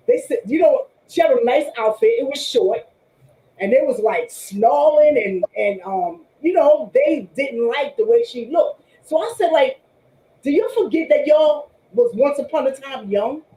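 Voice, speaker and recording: A woman's voice: fairly high pitch, dark tone, reverberant, poor audio. A woman in her sixties hosting a casual online panel and telling a story from her own life, talking freely and often repeating herself. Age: 60s. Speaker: panel host. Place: online group voice call.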